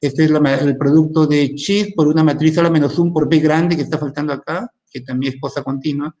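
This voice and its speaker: A man's voice: fairly high pitch, fairly even intonation, a little fast, dark tone. A man teaching a recorded university math lecture in in, thinking aloud and often stopping to ask "¿no?".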